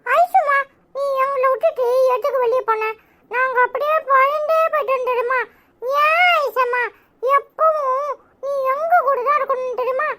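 A woman's voice: moderate pace, sharp tone. A woman voicing two small boys pleading with their mother, in a Kanyakumari Tamil accent and a whiny, childlike way. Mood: clingy pleading. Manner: whiny, clingy, high childlike voice. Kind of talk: village comedy serial acting.

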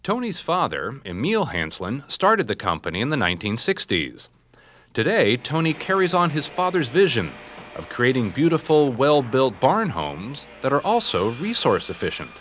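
A man's voice: medium pitch, wildly swooping pitch, a bit bright, a little hiss or hum. Polished male TV host narrating. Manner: smooth, measured presenter delivery. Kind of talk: scripted documentary narration. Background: background music under the voice-over.

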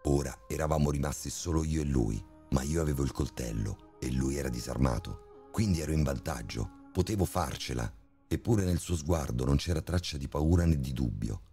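A man narrating a first-person horror story in a steady, grim storytelling manner. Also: rumbling low, moderate pace. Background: faint background music.

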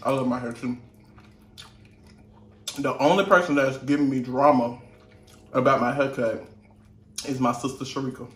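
A man's voice: mid-range voice, fairly even intonation, moderate pace, long pauses, a bit bright, slight background noise. A man talks through a mouthful of food, his words thick and chewed, while he hosts a casual eating video. His comes through in an easy, laid-back chat. The room around him is echoey. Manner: laid-back, chatty, addresses viewers as y'all. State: mouth full. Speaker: mukbang channel host. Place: indoor room with train audible outside.

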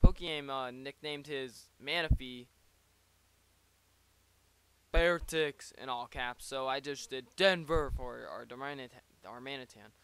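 A man talks through his own online battle in a loose, rambling play-by-play, breaking off for joking asides. His voice is smooth and clear, sitting at an everyday pitch. He is close on a desk microphone in a dry, dead-sounding space. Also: a little slow, fairly bright tone, dry recording. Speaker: league player.

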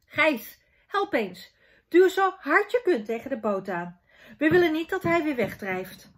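A woman's voice: on the high side, big pitch swings, moderate pace. A woman reading aloud and voicing a cheerful, encouraging father who talks to his children in an upbeat, coaxing way. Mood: cheerful, urging.

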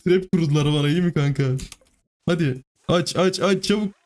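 A man giving live gameplay commentary, excitable, pleading with the game and cursing at it. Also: fairly high pitch, normal speed. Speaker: gaming YouTuber.

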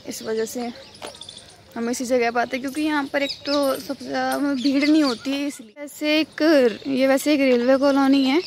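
Young woman, rambling vlog to camera, flat tone, noisy outdoor phone recording. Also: sits high, normal speed. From India. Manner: chatty, rambling, filler-heavy. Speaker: vlogger. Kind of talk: casual vlog talk to camera. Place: outdoors on a quiet railway colony road. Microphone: phone held at arm's length.

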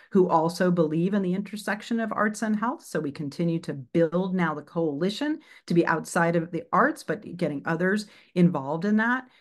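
A woman presenting a webinar on arts advocacy, talking briskly through slides with many fillers and quick self-corrections. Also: fairly low pitch.

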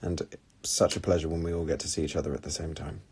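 A man's voice: very deep voice, flat delivery, fast, a little mellow, breathy edge. A man chatting casually on a phone livestream, rambling and self-deprecating as he answers fan questions.

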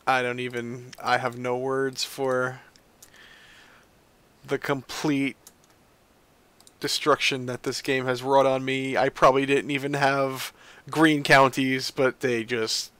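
A man's voice: medium pitch, level tone, slow, long pauses, fairly bright tone, smooth. A man giving casual let's play commentary on a strategy game, grumbling, sighing and swearing at it. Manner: swears freely.

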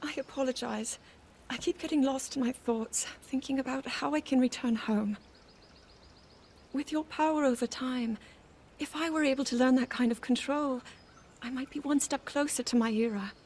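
An actress playing an earnest, polite young princess in a video game, with a careful, sincere, formal delivery. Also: female voice, sits high, moderate pace, darkish tone, slight background noise. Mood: pensive. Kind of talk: video game cutscene acting. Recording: music behind the voice.

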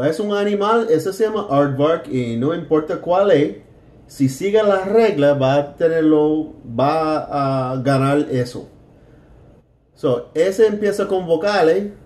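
Male teacher, slightly high voice, drills words slowly and clearly, echoey room. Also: darkish tone. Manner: repeats English words slowly for learners to copy. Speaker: English teacher. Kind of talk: slow beginner English lesson in Spanish.

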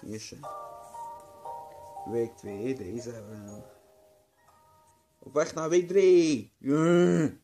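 A tired, drowsy young man hosting a gaming video mutters and rambles through casual gameplay commentary, swearing now and then, from a small room at home with game music behind him. His mellow, medium-pitched voice stays fairly even and extremely slow, with frequent pauses.

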